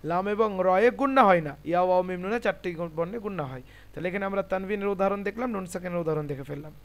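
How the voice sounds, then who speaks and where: A Bengali-accented man teaching Quran recitation rules, spelling out each letter and vowel mark slowly before reading the whole word. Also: high voice, dull audio. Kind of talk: tajweed lesson.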